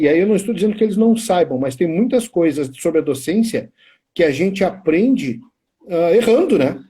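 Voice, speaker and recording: Middle-aged Brazilian teacher, husky and mellow, rambling storyteller on a live stream. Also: male voice, high-pitched. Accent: Brazilian Portuguese. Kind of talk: casual chat on a live stream.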